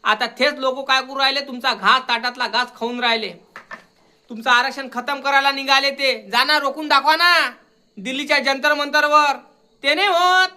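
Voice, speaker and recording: A man's voice: very high-pitched, fairly even intonation, moderate pace, bright, forceful tone. A young man delivering a combative video rant, repeatedly challenging his listener. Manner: combative, repeatedly demanding "got it?". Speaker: social media commentator.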